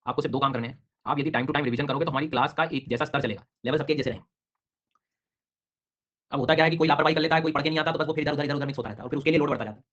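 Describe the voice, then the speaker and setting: A man runs an online geography class, talking very fast and calling on students by name. His comes through as he explains and questions them. The recording is dull and lo-fi. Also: fairly high pitch, steady tone, a bit bright. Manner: brisk, quizzing students by name. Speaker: teacher.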